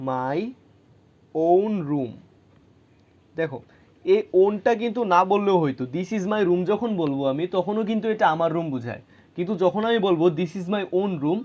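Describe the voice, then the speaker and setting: Male grammar tutor, slightly high voice, patient explainer; lo-fi recording. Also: darkish tone. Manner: explains patiently, checks in with rhetorical questions. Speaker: English grammar teacher. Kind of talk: explaining grammar lesson to students.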